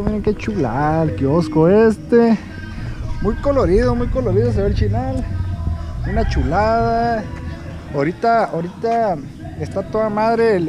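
A man vlogging casually outdoors in a village, talking in a slangy, laid-back way. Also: sits high. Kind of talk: casual travel vlog.

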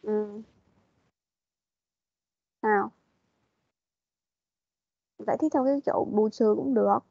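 Mellow-voiced woman teacher. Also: medium pitch, takes it slowly, vocal fry, dry recording. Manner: patient, prompting, repeats questions. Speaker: English teacher. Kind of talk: online class teaching. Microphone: video call. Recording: dull lo-fi meeting audio.

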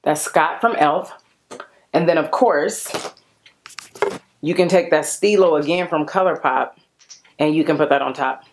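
Playful beauty vlogger woman, lowish voice. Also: a little slow, long pauses, noisy background. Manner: playful, sing-song, jokes and breaks into rhymes. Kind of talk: casual chat. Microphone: handheld mic.

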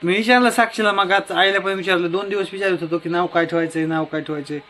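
A man's voice: high-pitched, steady tone, fast, a little hiss or hum. A young man from Maharashtra, a family vlogger, chatting casually and repetitively to his viewers outdoors by his house on a phone camera. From Maharashtra, India. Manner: chatty and repetitive, often calling loudly to his wife. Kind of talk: casual vlog talk to viewers.

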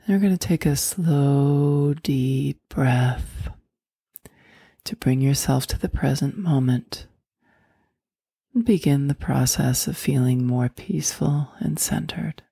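A woman leading a guided meditation in a soft, soothing voice that often drops into a whisper. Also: extremely low pitch, slow pace, vocal fry, breathy edge, dry recording, clean studio sound.

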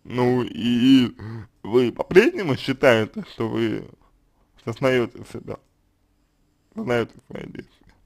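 Calm, hesitant man giving advice. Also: medium pitch, slow, vocal fry, long pauses. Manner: hesitant, many fillers and restarts. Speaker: consultant answering a question. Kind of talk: unscripted spoken advice.

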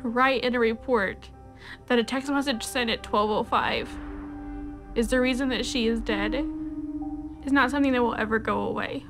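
A young woman in a living room giving a grieving, steady documentary testimony. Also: on the high side, moderate pace, long pauses. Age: young adult. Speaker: interviewee. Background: guitar music.

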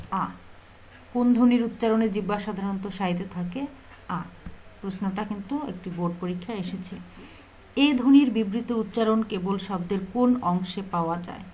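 A woman's voice: medium pitch, mellow, poor audio. A woman with a Bangladeshi Bengali accent teaching an exam-prep lesson, asking questions and answering them herself, repeating key points.

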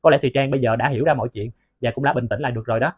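A man playing a fast-talking student ghost hunter. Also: medium pitch, steady tone, husky, no room sound, lightly acted. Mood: earnest. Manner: rapid, coaxing. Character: student ghost hunter guiding a spirit, earnest. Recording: tinny phone-like recording.

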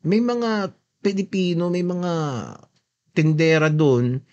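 The voice is high and expressive, unhurried, with a darkish tone and the upper frequencies cut off. He's a podcast host giving casual commentary over a playing video, moving between Tagalog and English and often checking for agreement with a questioning tag.

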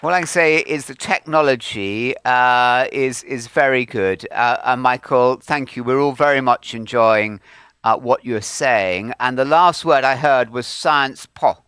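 A man hosting a live conference Q and A, brisk and genial with a self-deprecating touch. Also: mid-range voice, a bit bright, clean tone, dry recording, clean studio sound, some chatter behind. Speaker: conference host and moderator. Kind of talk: moderating a live Q and A.

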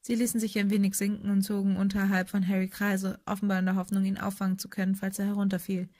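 A woman narrating an audiobook with steady storytelling. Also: medium pitch, fast talker, dry recording, clean studio sound. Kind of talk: scripted narration.

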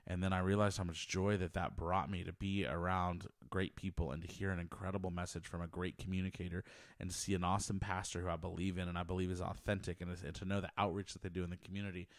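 Talking fast in a level tone, a deep-voiced man shares his faith in a personal podcast monologue, recorded in a small home office on a close-held handheld dynamic mic. His thoughts wander, with repeats and restarted sentences, and the sound is dry and intimate with hardly any room ambience.

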